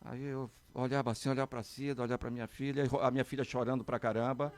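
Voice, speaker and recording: A middle-aged man, telling a story as a podcast guest and acting out quotes in a high, excited voice. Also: fast, no echo. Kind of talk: animated storytelling.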